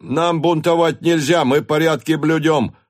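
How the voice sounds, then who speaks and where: A man voicing a sly, defiant male peasant ringleader in an audiobook, shouting back. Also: a little high, sing-song, takes it slowly, husky, no echo, studio quality, pitched above the performer's own voice, heavily acted.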